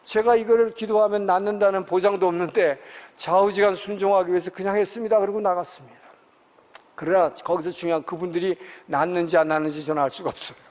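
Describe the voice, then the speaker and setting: A middle-aged man, a pastor, telling his own story in a sermon, pausing often with fillers. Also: sits high, fairly even intonation, darkish tone. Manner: storytelling, with frequent pauses and fillers. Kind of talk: sermon testimony. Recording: long hall reverb.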